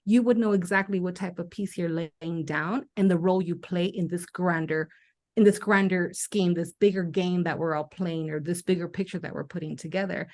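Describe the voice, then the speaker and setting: A woman's voice: on the low side, a little mellow. A woman hosting a podcast as a spiritual life coach, talking candidly and animatedly, swearing casually and acting out her own past reactions.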